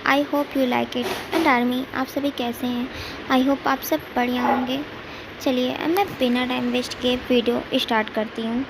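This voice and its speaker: A woman's voice: high voice, level tone, a little slow, heavy background noise. A woman greeting her fans chattily before narrating a casual fan-made audio story.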